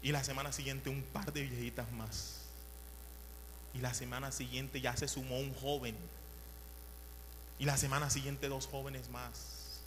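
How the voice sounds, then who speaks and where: A male preacher telling a story in a sermon, animated and repetitive, swinging from hushed to loud. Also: medium pitch, a little slow, long pauses, in a large hall, soft background music.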